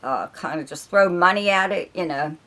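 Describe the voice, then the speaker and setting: A woman reading a monthly horoscope forecast as an astrologer, rambling with many fillers and checking in with "okay?", her voice going hoarse. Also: lowish voice, moderate pace, a bit bright. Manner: rambling, filler-heavy, keeps adding "okay?". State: losing her voice.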